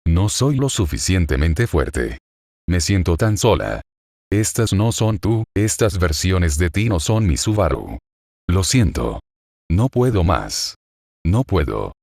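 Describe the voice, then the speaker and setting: A man's voice: low-pitched, very animated, slow, gravelly, darkish tone, no room sound, clean studio sound, full character voice. A man reading the lines of a grieving, furious young woman in a story, pleading and anguished.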